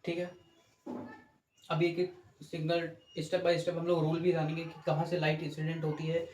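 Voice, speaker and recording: A man's voice: on the high side, monotone, moderate pace, a little mellow. Male teacher in echoey room. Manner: explains step by step, asks rhetorical checks, corrects himself. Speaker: physics teacher. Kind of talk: classroom lecture with board drawing. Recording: echoey room with faint ambient noise.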